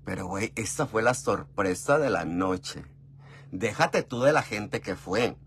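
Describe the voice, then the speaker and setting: A man with a Mexican Spanish accent telling a casual, gossipy story, often calling the listener "mi amor", with big jumps in pitch and loudness. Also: expressive, unhurried, a little hiss or hum. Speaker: vlogger.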